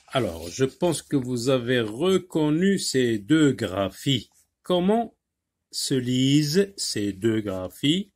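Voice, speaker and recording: A man teaching a French reading lesson, talking slowly and deliberately and spelling out letters and syllables. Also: lowish voice.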